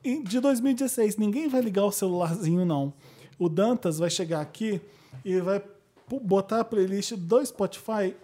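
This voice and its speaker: A woman at a medium pitch co-hosts a casual chat show. She teases the others and leads the games. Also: moderate pace, warm tone. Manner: playful, teasing, leads the games. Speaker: co-host.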